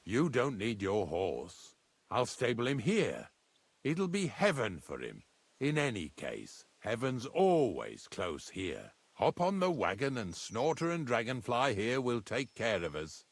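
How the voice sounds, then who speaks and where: Animated rustic wagon driver. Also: male voice, mid-range voice, unhurried, slightly rough, no room sound, full character voice. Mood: easygoing. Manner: folksy, rambling, rustic grammar. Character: gruff, chatty rustic wagon driver, older man. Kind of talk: video game character dialogue.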